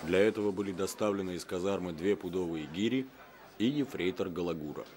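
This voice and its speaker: An actor playing a soldier who narrates comic army tales in a deadpan, mock-solemn scripted style. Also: male voice, low-pitched, fairly quick, crowd noise, close to an everyday voice. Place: studio voice-over.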